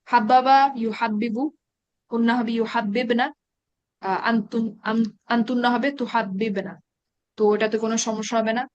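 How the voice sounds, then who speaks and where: A woman teaching an Arabic grammar class in an online meeting, reciting verb conjugations slowly and explaining in quick asides. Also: a little high, no echo. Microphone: online meeting call.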